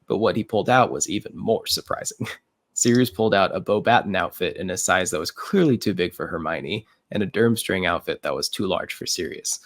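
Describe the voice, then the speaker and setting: A man narrating a fan story read-through in an even reading manner, with occasional slips. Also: deep voice, brisk, no room sound.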